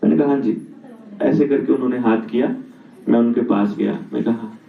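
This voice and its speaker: A man's voice: medium pitch, fairly quick, vocal fry. A middle-aged man giving a reflective talk, telling stories and asking rhetorical questions. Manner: storytelling, asks rhetorical questions. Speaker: speaker on natural living. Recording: roomy, distant, dull sound.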